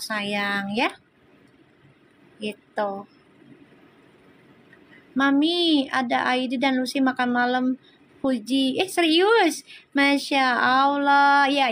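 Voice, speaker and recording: A woman's voice: sits high, fairly bright tone. A middle-aged woman hosting a casual livestream, chatty, reading out viewer comments and calling them sweetheart. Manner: chatty, addresses viewers as sayang, sprinkled with religious phrases. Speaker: tarot livestream host.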